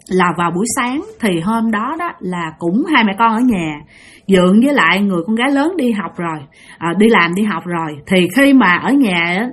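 A woman's voice: a little high, breathy edge. A woman telling a ghost story, chatty and emphatic, and talking straight to her listeners. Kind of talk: ghost story narration to an audience.

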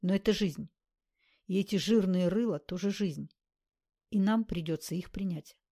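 A woman voicing a calm, hard young man who speaks quietly and curtly. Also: medium pitch, normal speed, close to an everyday voice. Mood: cool. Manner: quiet clipped.

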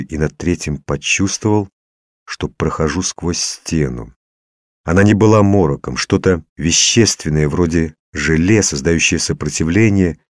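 A man narrates a first-person audiobook with tense, dramatic storytelling. His voice sits extremely low, and the studio sound is dry and close-miked. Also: no echo.

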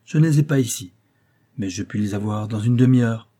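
A man reading the part of a young, flighty viscountess who pleads in tears, high-strung and urgent. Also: a little fast, dark tone, natural voice. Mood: urgent pleading.

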